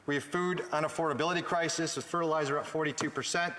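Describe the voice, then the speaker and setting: A Canadian man delivers an earnest speech as a member of parliament. His voice is fairly high and forceful, with emphatic short phrases. It rings through a large, reverberant chamber. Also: fairly even intonation, fast talker. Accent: Canadian English. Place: large indoor legislative chamber. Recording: echoey chamber with long reverb.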